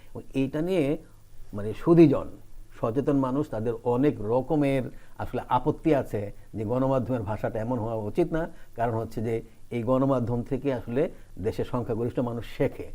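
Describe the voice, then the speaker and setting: Mellow-voiced man lecturing deliberately. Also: mid-range voice. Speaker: guest scholar. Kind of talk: academic discussion.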